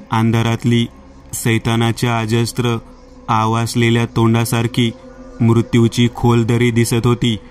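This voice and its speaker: Male horror narrator, very flat monotone, measured reading, faint background noise. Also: mid-range voice. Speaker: storyteller.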